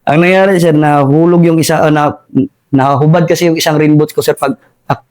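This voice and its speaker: A young soldier with a Filipino accent and a fairly high voice recounts his escape in a casual interview. He adds "sir" after nearly every phrase and chuckles often between sentences. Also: steady tone, a little fast, darkish tone, clear, resonant tone. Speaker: soldier telling his war story.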